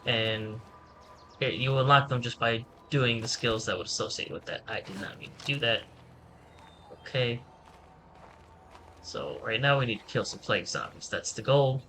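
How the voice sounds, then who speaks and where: A man giving a relaxed, rambling, self-deprecating let's-play tutorial commentary. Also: medium pitch, normal speed, pauses often, slight background noise, rough recording. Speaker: gaming channel host. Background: game music.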